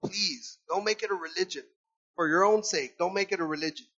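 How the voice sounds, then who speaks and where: A man preaching to his church with a high, bright voice, turning animated and acting out little voices of the people he talks about. He keeps calling the congregation brothers and sisters. The recording sounds dull and lo-fi. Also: brisk. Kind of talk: sermon. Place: church service.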